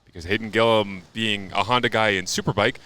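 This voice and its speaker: Joking man telling lively stories. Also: fairly low pitch, fairly quick. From Canada. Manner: joking, animated storytelling. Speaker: motorsport commentator and podcast host. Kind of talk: casual podcast chat. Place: outdoor observation deck at a speedway.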